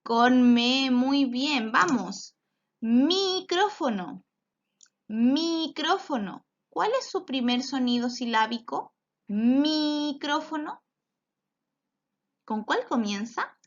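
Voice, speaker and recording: A woman's voice: on the high side, expressive. A woman teaching a children's phonics lesson, drawing out each word and praising often. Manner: slow, drawn-out words for children, encouraging praise. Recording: dull lo-fi sound.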